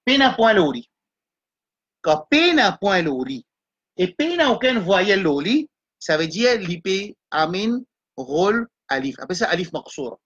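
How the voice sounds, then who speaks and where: A woman teaching Quran reading in a live class. She explains the letters step by step and chants verses slowly. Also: mid-range voice, sing-song, slightly rough, dull audio.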